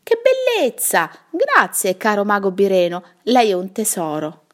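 A woman's voice: medium pitch, unhurried. A woman voicing an eager, kind little girl in a bedtime story. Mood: excited. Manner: excited, pleading.

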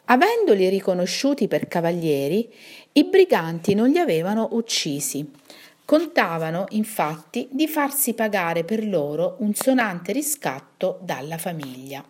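A woman teacher reading a bedtime story aloud to her pupils in an expressive storytelling way. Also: mid-range voice, a little slow.

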